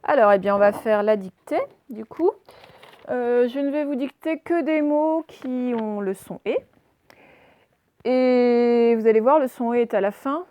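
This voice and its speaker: A woman primary school teacher gives a remote lesson to young children, patiently spelling out letters and explaining each step as she writes and dictates. Her voice is fairly high and a little slow, and the sound is lo-fi.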